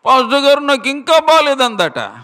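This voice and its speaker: A male preacher putting on the voice of a desperate sick woman whose throat is failing, speaking in a squeaky, strained, pleading way. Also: big pitch swings, moderate pace, a bit bright. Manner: pleading and tearful.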